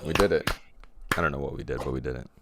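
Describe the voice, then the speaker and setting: A man's voice: extremely low pitch, fast, heavy background noise. A man co-hosting a casual chat podcast, rambling and often restarting his sentences. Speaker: podcast co-host.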